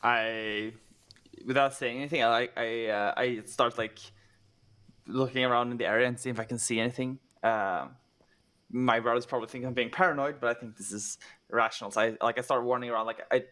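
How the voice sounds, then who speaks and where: A man's voice: mid-range voice, fairly even intonation, brisk, fairly bright tone. Guy player in a tabletop game, rambly, says like a lot. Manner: rambling, filler-heavy talk. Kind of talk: casual tabletop role-play.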